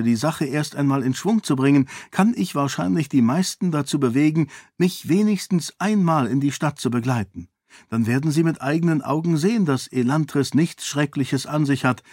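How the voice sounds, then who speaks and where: A man's voice: fairly high pitch, darkish tone, no room sound, studio quality, voice pushed up. A man voicing a resolute young noblewoman who talks earnestly and persuasively in an audiobook. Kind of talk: audiobook character voice.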